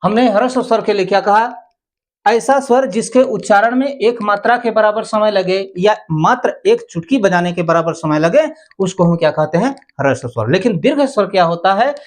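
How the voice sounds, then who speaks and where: A man's voice: sits high, lively intonation, normal speed. A male teacher giving an exam-prep grammar lesson, repeating key terms and asking rhetorical questions.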